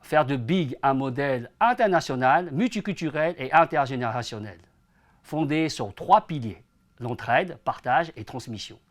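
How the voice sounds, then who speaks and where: This interview guest is a Chinese-born entrepreneur and association president in his forties who has lived in France since he was ten. His prepared, earnest answers come in a medium-pitched voice, animated and moderately paced.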